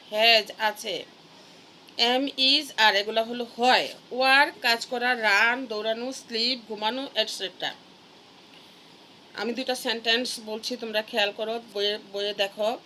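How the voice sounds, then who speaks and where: A Bangladeshi woman teaching grammar at an unhurried pace, pausing often as she spells words out carefully for children. Her voice is bright and a little high, with a faint hum of room noise behind her on a phone recording. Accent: Bangladeshi Bengali. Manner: slow, patient, spells words out syllable by syllable. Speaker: school English teacher.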